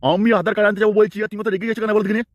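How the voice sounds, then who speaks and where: A man's voice: high voice, steady tone, rapid-fire, dry recording, clean studio sound, natural voice. A man voicing a stubborn, suspicious husband in a comic cartoon dub. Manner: nagging, suspicious.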